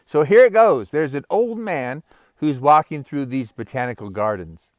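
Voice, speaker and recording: A man's voice: a little high, animated, normal speed, no echo. A middle-aged man, a vlogger and life coach, telling a funny story and giving life advice outdoors by a pond in a chatty, upbeat way. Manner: upbeat, chatty, chuckles often.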